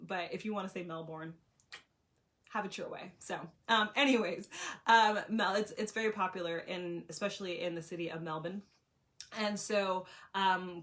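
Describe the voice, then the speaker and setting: A young woman chatting to camera with travel tips, filling pauses with frequent ums and restarting her sentences. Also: fairly low pitch, a bit bright. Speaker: travel vlogger. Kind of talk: casual recommendations to camera.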